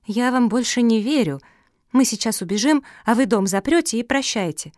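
A woman putting on a tiny, sharp-witted chihuahua from a storybook, her voice lifted higher. She talks brisk and cheeky and does not back down. The recording is dry. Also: expressive, dry recording, lightly acted. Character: small, bold, clever female chihuahua.

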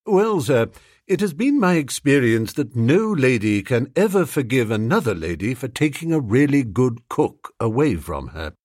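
A man doing a low, unruffled valet. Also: sing-song, darkish tone, no echo, clean studio sound. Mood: measured. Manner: low, measured, formal and unruffled. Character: imperturbable, deferential manservant.

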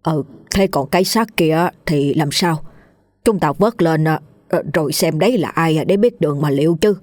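A woman's voice: sits low, normal speed, darkish tone, dry recording, studio quality, natural voice. A woman voicing a bossy middle-aged male village chief who barks orders at the villagers. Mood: agreeable. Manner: commanding, barking orders.

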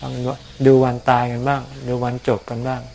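A man, a Buddhist monk, answering questions about practice in a calm, explanatory way, often repeating words. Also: medium pitch, a little fast, gravelly, a little hiss or hum. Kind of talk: casual dharma Q&A. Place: outdoors on a mountain.

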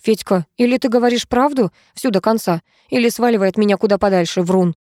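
A sharp-tongued young wife scolds her husband bluntly, as a woman reads her out. She keeps a mellow tone and sounds close and dry, like a storybook read at the mic. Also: mid-range voice, a little fast, dry recording, lightly acted. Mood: indignant.

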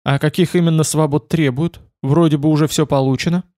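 A man voicing a smart female AI car assistant with a soft yet businesslike way of talking, polite with a sly teasing edge, in an audiobook. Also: fairly high pitch, steady tone, fairly quick, dry recording, studio quality, close to an everyday voice. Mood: puzzled.

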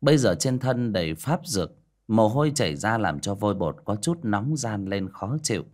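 Lively low-voiced male storyteller. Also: normal speed. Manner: animated, dramatic reading. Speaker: audiobook narrator. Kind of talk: storytelling narration.

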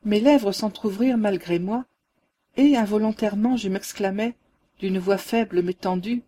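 A woman reading a ghost story aloud as a calm, measured narrator. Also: mid-range voice. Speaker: audiobook reader. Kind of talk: scripted narration.

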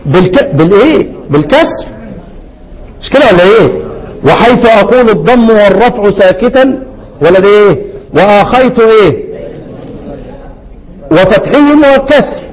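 A man with an Egyptian accent teaching Quran recitation, constantly quizzing his students and drawing out verses in a slow chant. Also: high-pitched, lively intonation, in a large hall, rough recording. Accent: Egyptian Arabic. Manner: keeps quizzing students with questions, repeats answers. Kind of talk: classroom explanation of a recitation poem.

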